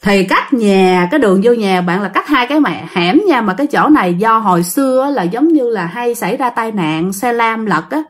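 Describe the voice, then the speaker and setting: A woman's voice: on the high side, animated, moderate pace, hardly any pauses. A woman with a Southern Vietnamese accent telling a ghost story in a chatty way, addressing listeners directly.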